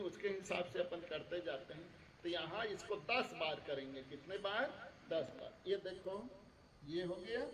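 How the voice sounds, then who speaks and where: A man leads schoolchildren through yoga in a high, coaxing voice, often checking that they follow. He sounds far from the mic in a roomy, echoing space with a faint hum behind him. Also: a bit bright. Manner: coaxing, asks students questions, calls them beta. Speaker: school teacher leading a yoga session. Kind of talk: guiding a class through yoga exercises. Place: school room with students. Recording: echoey room, distant mic, faint background noise.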